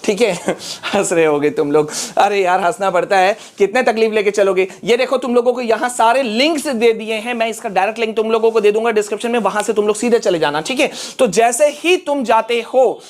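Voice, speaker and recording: A man's voice: sits high, a little fast, few pauses. A man runs a casual online lesson for students, talking them through each click on screen. He is chatty and encouraging and often drops in English phrases. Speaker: online exam-prep teacher. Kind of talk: casual screen-share tutorial.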